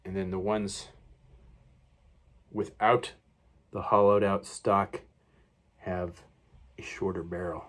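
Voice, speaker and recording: Rambling man reviewing toys, lowish voice. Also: level tone, a little slow, long pauses. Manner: rambling, many fillers and self-corrections. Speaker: toy reviewer. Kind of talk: casual unboxing review.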